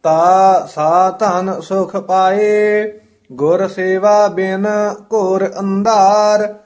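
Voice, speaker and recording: Very slow, high-voiced male reciter. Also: little pitch movement, a little mellow. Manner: measured, chant-like reading line by line. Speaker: student reciting scripture.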